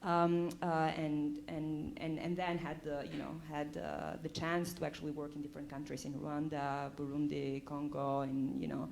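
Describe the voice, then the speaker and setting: A woman's voice: low voice, little pitch movement, moderate pace, creaky, hardly any pauses, a little mellow, a little hiss or hum. A woman in her forties from Albania, a researcher speaking on a panel, hesitant with many fillers. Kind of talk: panel discussion.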